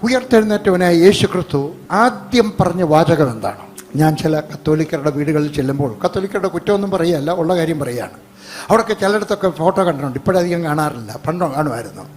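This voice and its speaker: Older male preacher, high-pitched, delivering an emphatic sermon full of repetition and loud bursts.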